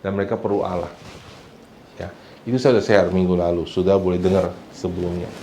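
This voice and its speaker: A man's voice: low-pitched, level tone, brisk, a little hiss or hum. Man preaching in an echoey church hall. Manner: switches between Indonesian and English phrases, asks the congregation for responses; acts out quoted people, sometimes loud and shouting. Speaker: pastor. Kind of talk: sermon.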